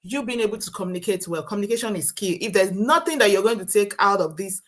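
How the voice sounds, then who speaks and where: A woman hosts a podcast and talks in a mid-pitched voice. Her tone is affirming and emphatic as she makes her points. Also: lively intonation, quick pace, fairly bright tone. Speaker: podcast host, nurse coach. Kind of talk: conversational interview.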